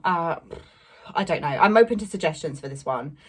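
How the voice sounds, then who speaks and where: A young Englishwoman, a sewing vlogger, chats casually about fabric she bought, rambling with plenty of fillers and little laughs. Her voice sits fairly low and sounds animated and brisk, with a breathy edge.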